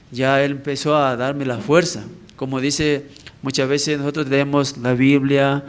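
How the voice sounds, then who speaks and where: A man's voice: mid-range voice, clean tone. Man giving a conversational church testimony. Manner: conversational, with frequent tag questions to the congregation. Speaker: evangelist. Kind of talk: personal testimony at a church prayer service.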